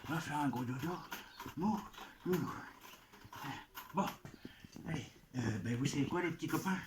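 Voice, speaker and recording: A man with a fairly high voice hosts a playful live show for children, coaxing the crowd and chatting straight at them. The sound is roomy and echoey, with clear background noise from the venue around him. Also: animated, normal speed. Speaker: children's entertainer playing a goblin expert.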